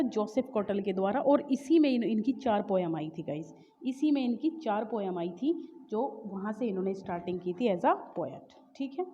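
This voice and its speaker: A woman teacher with a fairly high, mellow voice works through exam-prep questions, switching between Hindi and Indian-accented English. She reads each question out slowly, then explains it with fillers and self-corrections. The sound is dull and lo-fi, with a long reverb tail. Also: slight background noise.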